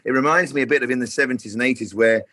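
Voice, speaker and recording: A man's voice: medium pitch, very fast, bright, forceful tone, no room sound. A man who directs television, talking about his work in a casual interview with lots of restarts and fillers. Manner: rambling, many restarts and fillers.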